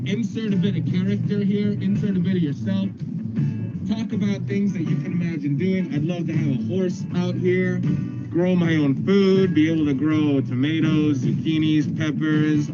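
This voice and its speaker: A man presenting an instructional video through a face mask, slightly muffled, with deliberate, emphatic diction. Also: high voice. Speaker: field marketing specialist presenting a home tour tutorial. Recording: dull muffled sound under loud music.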